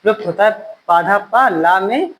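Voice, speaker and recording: A male teacher giving a classroom lecture, repeating key phrases slowly so students can write them down. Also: high-pitched, lively intonation, a bit bright, low-quality recording.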